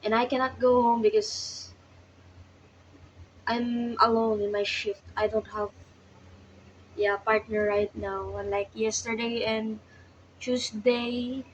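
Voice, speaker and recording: A Filipino vlogger in her twenties talks to herself in a casual vlog to practice English, sounding hesitant, self-conscious, and sleepy. Her voice is on the high side and level, slow, with frequent pauses, and she has a Filipino accent. Recorded on a nearby phone at a small indoor workplace counter, the sound is lo-fi with slight background noise.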